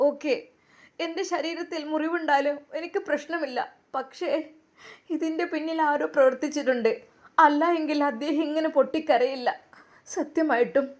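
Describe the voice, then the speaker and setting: A woman's voice: high voice, natural voice. A woman voicing a wounded young wife, crying and protesting in a dramatized story reading. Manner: tearful, protesting.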